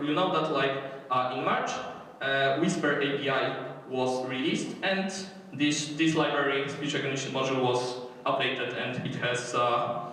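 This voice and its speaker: In a conference hall, a Polish-accented man gives a live coding workshop talk in English, hesitating often and filling pauses and restarting. His voice is medium-pitched and fairly bright, and the recording is echoey, distant-miked, and faintly noisy.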